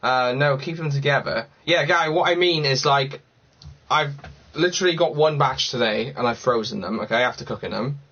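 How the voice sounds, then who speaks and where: A man from Cardiff hosts a casual livestream, thinking aloud as he works through viewer comments. His voice sits at a middling pitch. The recording sounds slightly dull and lo-fi. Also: normal speed, sharp tone. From Cardiff, Wales. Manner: chatty and rambling, thinks aloud. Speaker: livestream host.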